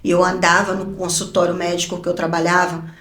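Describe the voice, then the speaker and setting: A woman giving an animated personal testimony as a guest evangelist, laughing often and acting out her own quoted words. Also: lowish voice, brisk. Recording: roomy echo.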